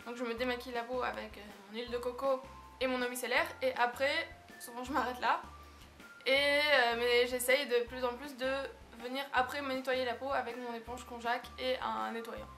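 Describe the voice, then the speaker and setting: Young woman, vlogger, bright tone, relaxed and giggly. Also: fairly high pitch. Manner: chatty, relaxed, laughs often, many fillers. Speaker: beauty vlogger. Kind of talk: casual vlog answering tag questions.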